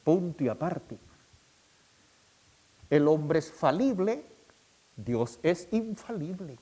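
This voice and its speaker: A male pastor preaches a sermon in a high, husky voice with a dark tone, its pitch swooping widely up and down with great animation. He talks slowly and deliberately, repeating every key point so it lands. He remains emphatic from start to finish.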